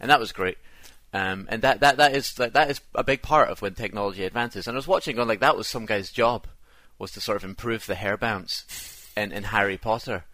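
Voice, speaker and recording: A man's voice: fairly low pitch, a little fast, few pauses, bright, forceful tone, no echo. A man co-hosting a casual podcast, chatty and rambling. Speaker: podcast co-host. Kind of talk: casual chat.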